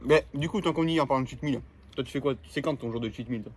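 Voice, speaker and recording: A young man, hosting a casual vlog with loud, slangy chat. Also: medium pitch, fast, slight background noise. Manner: slangy, loud and hyped, talking to camera. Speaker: vlogger. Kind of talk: casual chat while eating. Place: in a car, then at a table eating.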